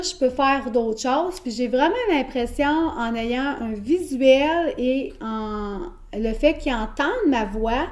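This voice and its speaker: A woman's voice: high-pitched, a little mellow. A woman teacher with a Québécois accent, explaining her teaching method in an interview, patient and explanatory with frequent hesitations. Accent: Québécois French. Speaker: elementary school teacher.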